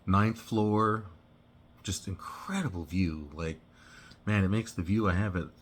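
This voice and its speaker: A man casually telling a personal story, halting and rambling with many restarts and "you know"s. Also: low voice, lively intonation, husky.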